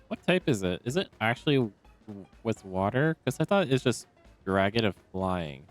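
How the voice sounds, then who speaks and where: A young man in a relaxed, rambling style, commenting casually as he streams a game and talking to himself with many fillers. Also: fairly low pitch, normal speed, soft background music.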